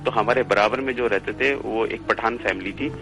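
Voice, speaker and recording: A man's voice: lowish voice, moderate pace, music in the background. A middle-aged man from Pakistan, casually telling a haunting story and acting out his family's words. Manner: animated, acts out family members' lines.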